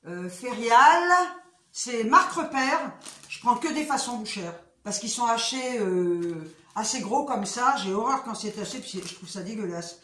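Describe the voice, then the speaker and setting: A woman's voice: medium pitch, normal speed, hardly any pauses, echoey room. A woman vlogger chatting casually to her viewers, retelling conversations and swearing freely.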